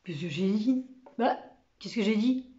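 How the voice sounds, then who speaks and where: A woman's voice: on the high side, brisk, muffled recording, slight background noise, close to an everyday voice. A woman voicing a big schoolboy who grumbles and sounds baffled. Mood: grumbling.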